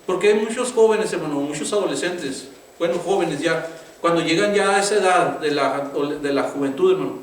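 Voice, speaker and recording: A high-pitched middle-aged man preaches a conversational sermon, calling his listeners brother again and again and asking "right?" His voice rings around an echoey church and comes from a distance from the mic. A faint hiss runs under it. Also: a little fast. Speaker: pastor. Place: church sanctuary.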